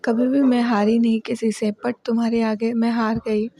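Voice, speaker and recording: Woman doing a young bride begging her friend to forgive her, kinda flat, pleading over and over. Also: on the high side, normal speed, lightly acted. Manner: pleading, repetitive.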